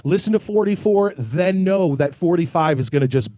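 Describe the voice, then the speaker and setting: A man's voice: a little high, lively intonation, moderate pace, dark tone, no room sound. A man in casual podcast chat, recommending episodes with hesitant fillers.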